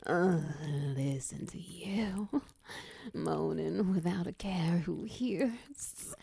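Husky whispering oni lover, voiced by a woman. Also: dry recording, exaggerated voice. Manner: slow, low, half-whispered, teasing with soft chuckles. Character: dominant teasing oni lover. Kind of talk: intimate ASMR roleplay.

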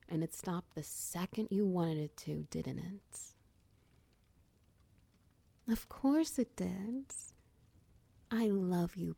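A woman playing a gravelly-voiced doting girlfriend. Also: on the low side, no echo, exaggerated voice. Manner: soft, slow, reassuring, half-whispered. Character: tender protective dominant girlfriend, doting and patient. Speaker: audio roleplay performer. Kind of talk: whispered ASMR comfort roleplay.

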